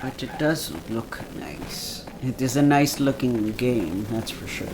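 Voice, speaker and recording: A man chats casually over a video game, relaxed and rambling with small fillers. His voice sits in the middle range, buried under loud background noise. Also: mid-range voice, takes it slowly. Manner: relaxed, chatty, trailing off with fillers. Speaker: let's play co-host. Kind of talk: casual gameplay chat.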